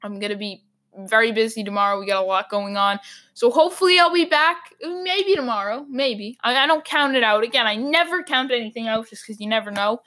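A woman hosts her own sports talk podcast and rants her opinions in frustration. Her voice sits a little high and is going hoarse from talking too long. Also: brisk, pushed and bright.

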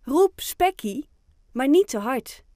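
A woman voicing an excitable, stubborn young penguin boy in a children's audiobook, with an eager, proud way of talking. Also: high-pitched, slow pace, no echo, studio quality, voice pushed up, full character voice.

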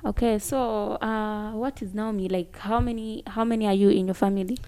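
A woman's voice: mid-range voice, fairly even intonation, moderate pace, mellow, clean tone. A woman hosting an interview, asking short, direct questions. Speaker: interviewer, host.

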